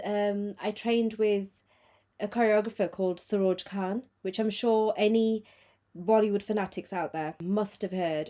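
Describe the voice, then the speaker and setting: A woman's voice: mid-range voice, mellow. Chatty woman telling her story. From England. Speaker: podcast guest, choreographer in film industry. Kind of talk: casual chat.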